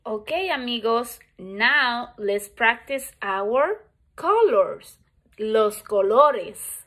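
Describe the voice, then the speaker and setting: Woman, 30s, as a kids show host teaching Spanish; higher voice, extremely unhurried. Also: animated, fairly bright tone. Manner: kids show host, simple encouraging phrases. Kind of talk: children's Spanish lesson. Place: small bright room at home.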